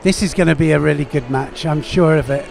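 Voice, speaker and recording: A man giving expert co-commentary in live sport, eager and halting with lots of fillers. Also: fairly high pitch, vocal fry, music in the background.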